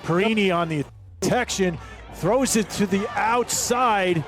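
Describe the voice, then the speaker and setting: A man calling live American football play-by-play, his voice climbing and shouting into excited touchdown calls as plays break open. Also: high voice, a little slow, over music.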